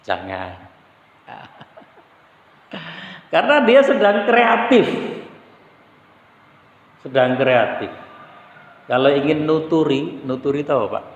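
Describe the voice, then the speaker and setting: A man giving a relaxed, conversational sermon in a mosque, asking his listeners rhetorical questions. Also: a little high, slow, pauses often. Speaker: Islamic preacher. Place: mosque hall. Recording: echoey hall, dull lo-fi sound.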